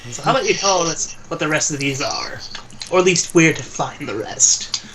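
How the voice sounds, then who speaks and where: A man's voice: on the high side, animated, normal speed, a bit bright, a little hiss or hum, low-quality recording. A man voicing an impatient, threatening adventurer with a crossbow in a tabletop game, stumbling through his threats. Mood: menacing.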